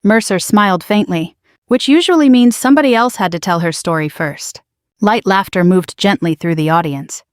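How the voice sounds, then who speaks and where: A woman narrates a first-person story in a measured, quietly dramatic way. Her voice sits at an ordinary middle pitch. The recording is close and dry, with no room sound. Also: no echo.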